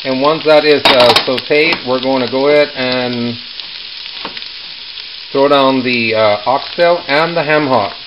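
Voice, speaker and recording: Man, medium pitch, cooking show host, casual, unhurried, pausing phrases, home kitchen camera mic, clear background noise. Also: dull audio. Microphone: handheld camera mic, off screen.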